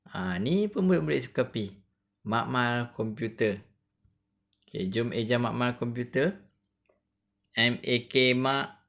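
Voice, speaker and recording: A young adult man with a Malaysian Malay accent, a primary school teacher giving an online reading lesson, spelling words out slowly syllable by syllable and encouraging the pupils. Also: mid-range voice, a bit bright.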